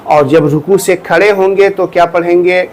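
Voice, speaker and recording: A man giving a religious lesson, explaining step by step with earnest repetition and reciting phrases slowly to demonstrate. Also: high-pitched, fairly even intonation. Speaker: religious teacher. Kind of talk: instructional talk on prayer.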